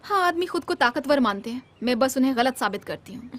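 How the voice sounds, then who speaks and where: A woman's voice: high-pitched, expressive, quick pace. A woman dubbing a tough young student vigilante who talks boldly and commands others, in a Hindi film dub. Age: young adult. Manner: bold, commanding.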